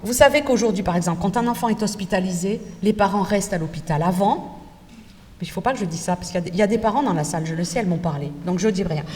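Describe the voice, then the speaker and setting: A woman's voice: mid-range voice, fast. Woman lecturing in an echoey hall. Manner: lively, addresses students directly with rhetorical questions. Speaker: lecturer in teacher training. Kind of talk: university lecture. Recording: echoey lecture hall from far off, faint noise.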